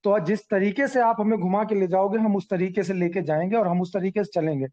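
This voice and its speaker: A high-voiced man speaks earnestly to his team over a call, repeating his points and working through examples. His tone is mellow, and the call audio sounds muffled and lo-fi. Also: fairly even intonation, brisk. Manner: earnest, repetitive, explains with examples. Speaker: team leader addressing members. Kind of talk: online group call talk.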